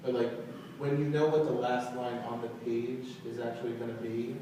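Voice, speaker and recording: A man's voice: mid-range voice, flat delivery, normal speed, mellow. A man, a literary agent on a panel, speaking casually with many fillers. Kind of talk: panel discussion. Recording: echoey room, distant mic, audible noise.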